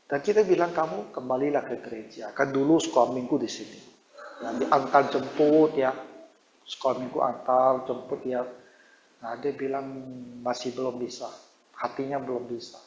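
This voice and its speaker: Male pastor, conversational storyteller, mid-pitched; roomy, dull recording. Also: moderate pace, slight background noise. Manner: conversational, storytelling with quoted dialogue. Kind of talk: informal sermon with personal stories. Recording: roomy, dull low-fi sound.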